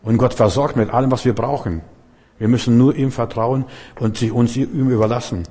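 A man's voice: medium pitch, steady tone, normal speed, warm tone, slightly rough. A middle-aged man preaching a sermon, emphatic and conversational, telling stories with colloquial asides. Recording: long reverb in a hall.

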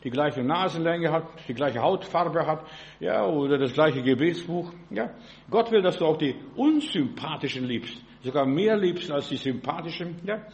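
Man preaching, folksy and halting, fairly high voice, keeps asking if you follow. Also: expressive, vocal fry. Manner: folksy, repeats "verstehst du", halting restarts. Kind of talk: sermon.

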